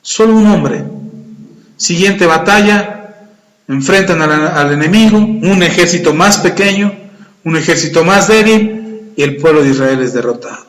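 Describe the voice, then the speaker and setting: A man preaching a sermon, retelling scripture with animated, acted-out dialogue. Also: on the high side, unhurried. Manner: animated storytelling, acting out voices in quotes. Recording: echoey hall with long reverb.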